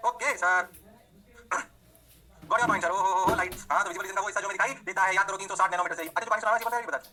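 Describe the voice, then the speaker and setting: A man gives a physics revision class at a breakneck clip, his voice sitting high in his range. He quizzes the class, then answers for them, with playful "oh ho ho" sounds between points. The tone is sharp and forceful, and he switches often between Hindi and English phrases. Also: fast talker. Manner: energetic, asks questions and answers them himself, playful "oh ho ho" sounds. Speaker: physics teacher. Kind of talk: fast revision lecture.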